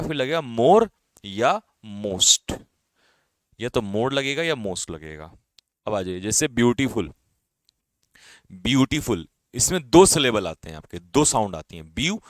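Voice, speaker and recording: Explaining English grammar step by step for exam prep, an Indian-accented man poses questions and answers them himself, addressing students as "brother" and lowering his voice as each list ends. His mid-range voice is fairly bright, recorded at studio quality without echo.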